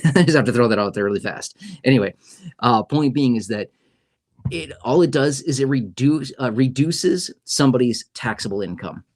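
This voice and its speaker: A man with a mid-range voice hosts a casual YouTube livestream, explaining policy news conversationally and frequently checking in with "okay?" and "right?".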